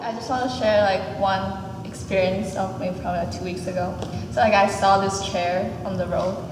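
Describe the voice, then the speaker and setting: A woman tells a casual story in an animated way, peppered with "like" and "you know". She is far from the mic in a very echoey hall with background noise. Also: medium pitch, normal speed. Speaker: dance student. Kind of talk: casual anecdote. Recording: very echoey hall, distant, noisy.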